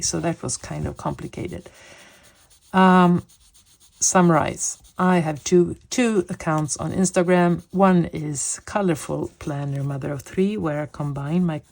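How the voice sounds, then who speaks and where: A low-pitched, gravelly, slightly mellow voice comes from a coloring vlogger in her late fifties. She is from Sweden and speaks casual English as her second language, searching for words as she colors.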